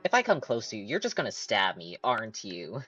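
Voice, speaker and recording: A casual game streamer with a very lively, swinging pitch. The commentary is chatty and playful, recorded a little dull with music behind it. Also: a little fast.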